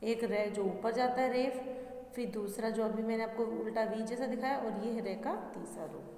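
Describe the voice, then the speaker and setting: A woman with a fairly high voice teaches young children in a patient, step-by-step way. She repeats each word slowly and keeps asking the class questions. The recording sounds roomy, with a long reverb trailing after her words. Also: warm tone. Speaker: primary school Hindi teacher. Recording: echoey room with long reverb.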